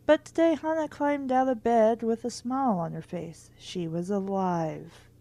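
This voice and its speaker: Here she sounds fairly high-pitched and a little slow, with a dark tone. She's still hosting her book reading series, casually reading a children's book, occasionally stumbling and adding dry asides.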